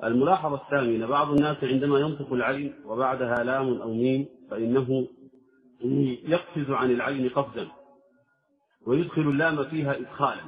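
A man teaching Quran recitation, slow and deliberate, drawing out words to show how each sound should be said. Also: medium pitch, breathy edge. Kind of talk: tajweed lesson with recited examples. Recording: tinny phone-like recording.

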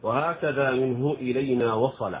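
A man teaching the rules of Quran recitation in a measured lecture, demonstrating sounds and questioning his students. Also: mid-range voice. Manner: explains slowly, demonstrates pronunciation, asks students questions. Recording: tinny lo-fi phone-like recording, faint noise.

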